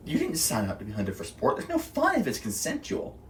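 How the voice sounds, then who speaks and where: A young man hosting a casual podcast, cracking deadpan dark jokes. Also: medium pitch, a little fast. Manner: joking, deadpan dark humor. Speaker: podcast host. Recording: echoey room, distant from mic.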